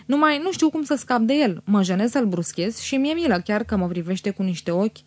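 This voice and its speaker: A woman's voice: medium pitch, animated, a little mellow, dry recording, natural voice. Woman voicing a chatty, teasing young woman.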